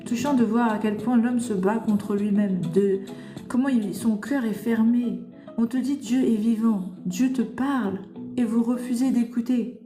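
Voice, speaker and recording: Woman streamer, fervent preacher, mellow high voice, faint music behind. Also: fairly even intonation, a little slow, echoey room. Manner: fervent, scolding and rhetorical questions. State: tearful. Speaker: livestream host. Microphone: phone.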